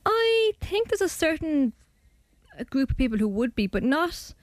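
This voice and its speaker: Chatty and full of hedging fillers, this Irish student documentary maker in her twenties appears casually as a radio guest and narrates her own documentary. She has a high, sing-song voice at a moderate pace, recorded dry.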